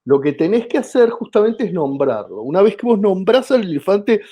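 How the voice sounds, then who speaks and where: Very animated and mellow, this man's high-pitched voice moves at a normal speed as he, a comedian guest from Argentina, explains his ideas in an interview. His Argentine Spanish is full of hesitations and restarts.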